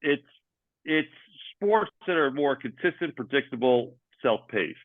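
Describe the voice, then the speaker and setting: A man's voice: mid-range voice, expressive, measured pace, no echo. A man who coaches athletes with ADHD, explaining sports in plain terms with examples on a video call. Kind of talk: explaining in conversation. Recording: tinny phone-like line, dry.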